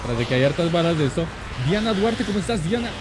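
A man's voice: fairly high pitch, animated, fast, noisy background. A man, streaming live and chatting casually, greeting and thanking viewers by name.

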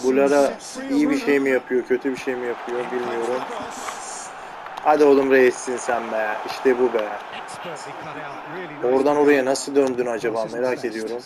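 A man talks casually over a football video game match, teasing and scolding his own players with dry jokes. His voice sits in an ordinary middle pitch. A loud game stadium crowd roars under him the whole time. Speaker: gameplay commentator. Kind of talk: casual gameplay commentary. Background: loud game crowd noise.

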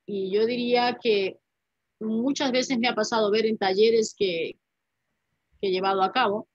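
A poet and writer in her fifties, here as a guest, speaks at a measured pace in a slightly high voice with fairly even intonation. Spanish is her first language, and she muses thoughtfully from a home room with paintings, often adding a questioning "¿no?" The video call audio from her laptop webcam mic is dull and dry, with no echo.

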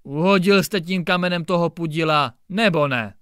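A man's voice: a little high, fairly bright tone, clean tone, no room sound, clean studio sound, pitched above the performer's own voice, lightly acted. A man doing a barking irritable judge. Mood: scolding. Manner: barking, scolding outbursts. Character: irritable blustering male district judge, middle-aged.

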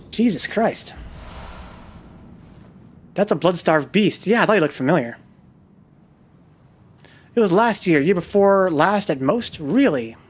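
A man talks over his gameplay in a loose, rambling way, swearing freely and poking fun at himself as the story wanders along. His voice sits a little high for a man. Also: breathy edge. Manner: rambling, profane, self-deprecating storytelling. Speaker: gaming video host. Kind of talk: casual gameplay commentary with storytelling.

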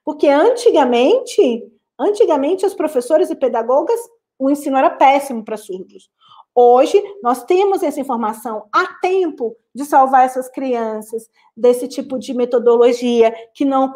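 Brazilian woman guest lecturer, high warm voice, earnest teacher talking to students on a video call. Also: normal speed. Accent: Brazilian Portuguese. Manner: earnest, explanatory, addresses students directly. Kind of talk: live online class lecture.

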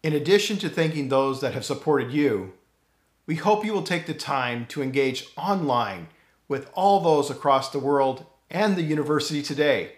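Middle-aged man announcing a virtual ceremony, encouraging and upbeat, a bit high-pitched, roomy echo. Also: lively intonation, moderate pace. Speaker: university official introducing the ceremony. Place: home office with bookshelves. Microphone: fixed camera, chest-up framing. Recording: echoey indoor room.

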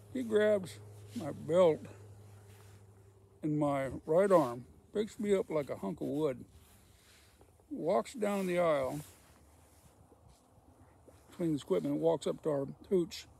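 Gravelly folksy man telling stories. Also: fairly high pitch, warm tone. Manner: folksy, rambling, repeats himself. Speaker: storyteller, former welder. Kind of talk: casual spoken storytelling.

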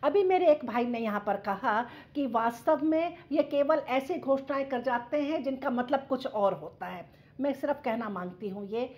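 A woman with a high, bright voice speaks on a television debate panel. She argues her point emphatically, circling back and repeating phrases to press them home. Her delivery is rhetorical and insistent. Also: normal speed. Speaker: Congress party panelist.

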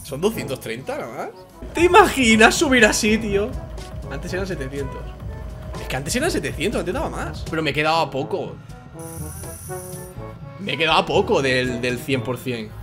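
A young man from Spain, slightly hoarse from a cold, giving casual, excitable gameplay commentary. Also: fairly high pitch, moderate pace, pauses often. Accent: Spain Spanish. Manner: excitable, swings into shouting and laughing. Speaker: gaming YouTuber. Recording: music playing underneath.

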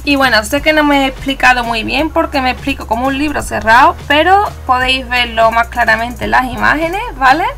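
A woman with a Spanish accent from Spain walks through a nail art tutorial, chatty and instructive, sometimes correcting herself. Her voice sits high and carries a gravelly edge. Soft music plays faintly underneath. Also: fairly quick, few pauses. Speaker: nail art channel host. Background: faint background music.

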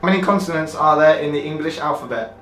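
A man's voice: on the high side, fast, fairly bright tone, recorded from a distance. A man in his twenties hosting a casual quiz and reading out questions. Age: 20s. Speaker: quiz host. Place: small tiled bathroom, indoors. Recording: echoey bathroom, off the mic, music.

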